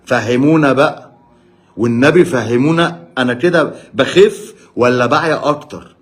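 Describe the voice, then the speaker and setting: A man's voice: medium pitch, moderate pace. A man with an Egyptian Arabic accent, a diabetic patient filming himself on a phone, talking straight to camera and pleading with a string of rhetorical questions. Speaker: diabetic patient sharing his experience. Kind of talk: emotional direct-to-camera monologue.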